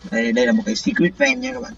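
A man giving excited, panicky commentary on a game livestream, often repeating words when startled. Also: a little high, rapid-fire, vocal fry, far from the mic. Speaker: gaming livestreamer. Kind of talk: live gameplay commentary. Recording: dull lo-fi sound with faint game music.

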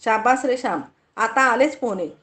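A woman's voice: on the high side, normal speed, a bit bright, roomy sound, natural voice. Woman voicing a patient, encouraging young man. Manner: patient, reassuring.

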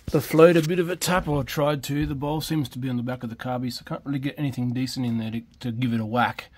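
This man speaks fast with a breathy edge, his medium-pitched voice fairly level in intonation. He chats and rambles on the same home car restoration vlog, full of ums and restarts, recorded on a close-held phone camera in an open carport.

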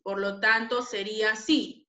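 A woman's voice: medium pitch, steady tone, measured pace, sharp tone. A woman teaching a grammar lesson to pupils, patient and repeating each point. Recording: echoey room.

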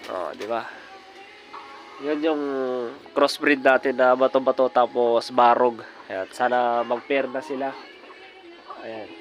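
A man's voice: mid-range voice, highs cut off. A man with a cold, chatting casually to viewers while he shows off a big bird cage outdoors, filming on a phone. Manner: chatty, repeats filler words often, addresses viewers directly. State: has a cold. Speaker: vlogger showing his bird cage. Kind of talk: casual vlog walkthrough. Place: outdoors in a yard beside a large bird cage.

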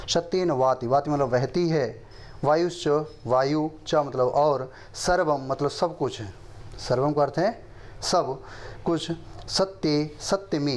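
Man teaching verses, slow chanting. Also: medium pitch, darkish tone, a little hiss or hum. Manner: slow chanted recitation of verses between quick explanations. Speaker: Sanskrit teacher. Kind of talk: classroom lesson explaining verses.

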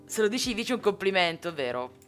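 A woman's voice: medium pitch, big pitch swings, fast talker, fairly bright tone, soft background music. A woman from Sicily chatting casually with viewers while streaming a game, answering their comments with jokes. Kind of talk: casual live gameplay chat.

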